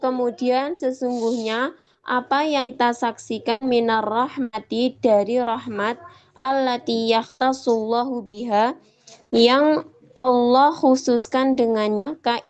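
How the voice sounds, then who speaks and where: A woman slowly reading a classical text aloud in class, translating it line by line with halting fillers, heard over a choppy online call. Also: on the high side, a little mellow. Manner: halting, careful, with frequent hesitant fillers. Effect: choppy, breaking-up online call audio. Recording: lo-fi, breaking-up remote call line.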